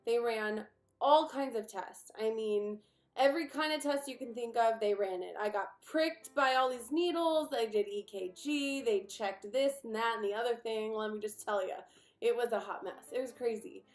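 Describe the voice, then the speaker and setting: A woman's voice: on the high side, normal speed. Chatty woman vlogger in an echoey room. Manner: chatty and animated, with frequent fillers and asides. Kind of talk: casual storytelling to camera.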